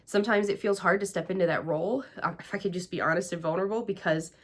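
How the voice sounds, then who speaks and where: A fast-talking woman with a lowish voice and an American accent hosts her own podcast, gushing chattily about her year with plenty of fillers. She's a podcast host and priestess with roots in Greece and the United States, giving a casual personal recap.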